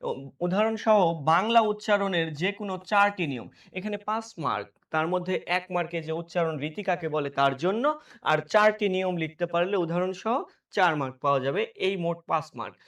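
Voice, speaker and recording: A man teaches an exam-prep class in a high voice. He poses questions and answers them himself, checking in with students often. His voice sounds a little distant from the microphone. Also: a bit bright.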